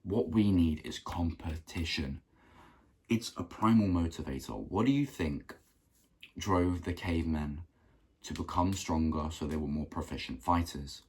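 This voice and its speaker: A young man giving an earnest motivational talk to camera, repeating phrases for emphasis and clearing a rough throat. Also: low-pitched, a little slow, a little mellow. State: keeps clearing his throat. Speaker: self-improvement vlogger.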